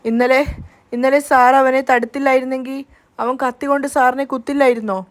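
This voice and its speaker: A woman voicing an anxious, tender young woman, high-pitched. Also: level tone, a little fast, close to an everyday voice. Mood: worried. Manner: pleading, worried.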